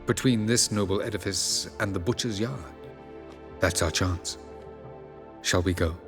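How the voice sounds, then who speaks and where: An actor playing an aloof, ancient elven sage who speaks in a measured, formal, faintly sardonic way. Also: male voice, sits low. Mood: cool formal. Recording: game audio with music behind.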